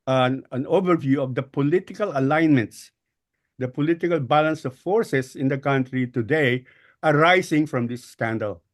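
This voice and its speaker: Hesitant Filipino man, mid-pitched, explaining. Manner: hesitant, pausing and repeating words. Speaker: guest speaker. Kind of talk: explanatory political talk. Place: online group call.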